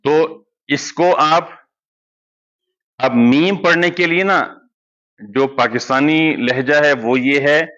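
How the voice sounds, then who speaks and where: A man's voice: fairly high pitch, fairly bright tone. Male tajweed teacher, lo-fi. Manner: explains step by step, slowly drawing out recited words as examples. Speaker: Quran recitation teacher. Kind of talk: classroom lesson. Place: madrasa classroom.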